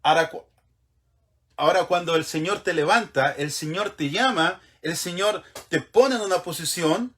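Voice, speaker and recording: A man's voice: high voice, moderate pace, pushed and bright. A man preaching a sermon in an earnest, conversational way, often repeating and restarting his words.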